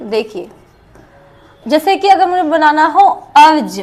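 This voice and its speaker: A woman's voice: high voice, very animated, unhurried, darkish tone. An Indian woman teaching a shorthand lesson, explaining rules step by step and repeating each example aloud.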